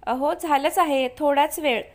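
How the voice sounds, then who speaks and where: A woman voicing a warm, fussing older mother-in-law who coaxes and insists. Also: sits high, a little slow. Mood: coaxing.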